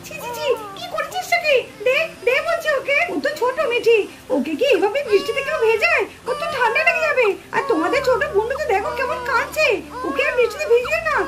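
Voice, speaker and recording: A woman's voice: very high-pitched, animated, fast talker. A woman voicing a firm, worried mother doll who scolds the children in a puppet cartoon. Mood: scolding.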